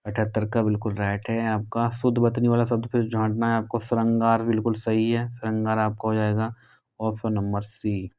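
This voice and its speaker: Brisk teacher with a smooth, low voice. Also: male voice, completely flat delivery, darkish tone. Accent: Hindi, northern India. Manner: brisk and conversational, drawing out key words. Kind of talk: exam prep lesson going through questions.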